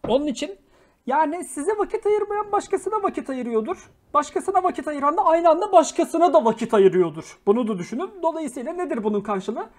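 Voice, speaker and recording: A man's voice: very high-pitched, big pitch swings, brisk, a little mellow. A young man hosting a casual livestream, reading viewer messages, swearing freely and flaring into angry rants before apologizing. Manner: slangy, jokey, affectionate with viewers. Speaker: livestream host.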